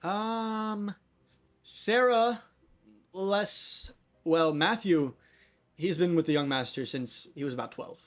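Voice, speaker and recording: A man's voice: sits high, slow, pauses often, voice pushed up. A man voicing a loyal male butler in a tabletop game, answering questions hesitantly. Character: loyal longtime male butler of a noble house.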